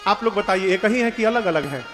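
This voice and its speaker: Religious storyteller, man, high voice, chatty with the crowd, acts out dialogue, reverberant hall. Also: animated, a little fast. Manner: conversational, questions the audience, acts out dialogue. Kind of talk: devotional sermon with anecdotes. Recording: reverberant hall with faint music.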